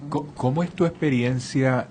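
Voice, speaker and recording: A man's voice: mid-range voice, steady tone, normal speed, a little mellow, a little hiss or hum. A man hosting a radio interview, asking thoughtful, hesitant questions. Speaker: radio host.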